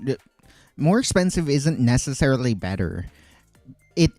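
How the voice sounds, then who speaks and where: A man's voice: medium pitch, mellow, no echo. A man streaming while making cocktails, chatting casually and rambling with many fillers and restarts. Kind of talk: casual chat.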